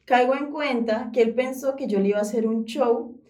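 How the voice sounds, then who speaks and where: Giggly high-voiced woman. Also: moderate pace, a little mellow. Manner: playful, giggly storyteller. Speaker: podcast co-host. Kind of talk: casual chat. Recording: roomy echo, voice far from mic.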